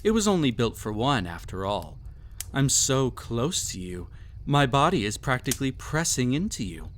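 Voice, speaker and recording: Speaking at a moderate pace in a sing-song, medium-pitched voice close to his everyday one, a man voices a cruel, possessive, vain emperor in an intimate audio roleplay. He teases his captive with haughty, theatrical lines, full of smug indulgence.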